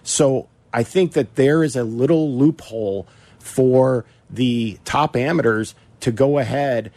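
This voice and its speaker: An American man co-hosting sports talk radio, with measured, wordy commentary and questions. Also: mid-range voice, a little mellow, dry recording.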